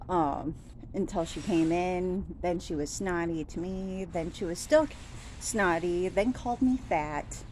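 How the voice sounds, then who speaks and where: A woman's warm, lowish voice comes through an outdoor phone recording with traffic noise, the phone held at arm's length. She's a vlogger in her thirties, chatting casually on a walk-and-talk vlog outside a store in daytime and rambling with lots of fillers and restarts.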